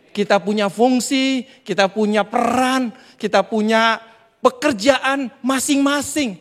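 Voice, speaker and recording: A male preacher giving a sermon, telling a lively story and talking directly to the congregation. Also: high-pitched. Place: church hall. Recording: reverberant church hall.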